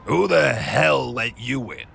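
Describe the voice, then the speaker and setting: An actor playing a gruff, sarcastic, brusque police detective with a gravelly voice in a video game. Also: male voice, mid-range voice, sing-song, slow pace, a bit bright, a little hiss or hum, heavily acted. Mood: sardonic. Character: gruff, dismissive, cynical male police detective.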